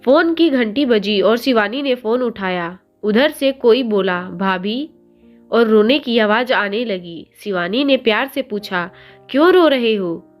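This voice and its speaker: A woman narrating a family story in a gentle, measured storytelling manner. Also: a little high. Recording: faint background music.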